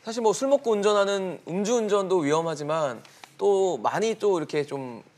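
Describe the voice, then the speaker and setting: A man anchoring a studio news interview, asking the guest questions. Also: high-pitched. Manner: lively, quick questioning.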